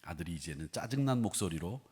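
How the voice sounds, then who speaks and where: Male pastor with a lively, ringing voice. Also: low voice, fast, breathy edge. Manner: swings from loud emphatic declarations to soft, hushed storytelling. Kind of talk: sermon. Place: church sanctuary. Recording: long reverb of a church hall.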